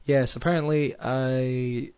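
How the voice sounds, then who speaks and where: A Scottish man hosting his radio show with a sore throat and a cough, rambling and halting with a wry, sarcastic edge, speaking into a headset. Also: mid-range voice, clean tone, no echo, dull audio. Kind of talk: casual solo podcast chat.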